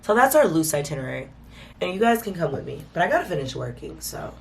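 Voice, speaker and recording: Her pitch fairly low and her voice creaky, a stuffy-nosed woman vlogger talks fast and with great animation to camera. She's congested from a cold but stays chatty and informal, greeting her audience as "y'all."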